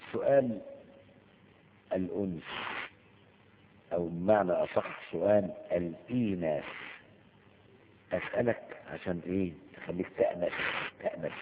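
A man with an Egyptian accent giving a lecture on Quranic rhetoric, asking his listeners rhetorical questions and acting out stories dramatically. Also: low voice. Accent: Egyptian Arabic. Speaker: religious teacher. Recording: tinny phone-like sound with long hall reverb.

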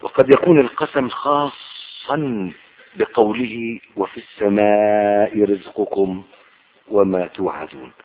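A man giving an emphatic Quranic sermon and commentary, rising to fervent oaths. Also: mid-range voice. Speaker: preacher. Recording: tinny lo-fi radio broadcast.

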